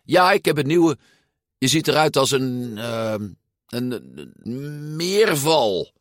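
A man voicing an outspoken, quick-witted young girl in a storybook reading. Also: mid-range voice, very animated, fairly bright tone, dry recording, clean studio sound, voice pushed up. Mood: hesitant. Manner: determined, outspoken.

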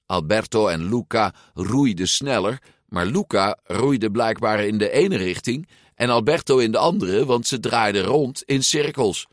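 Slow, expressive male storybook narrator. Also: on the low side, dry recording, clean studio sound. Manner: slow, expressive, lively intonation. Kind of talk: storybook read-aloud narration.

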